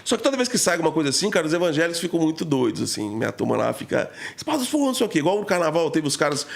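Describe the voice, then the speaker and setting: A man's voice: on the high side, lively intonation, very fast, gravelly. A man talking as a podcast guest, telling an emotional story in a slangy, casual way full of fillers.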